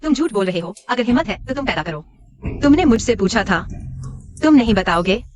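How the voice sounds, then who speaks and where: A woman's voice: a little high, animated, fairly quick, natural voice. A woman voicing a wronged, defiant young woman. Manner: angry, accusing. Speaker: dubbed drama actress.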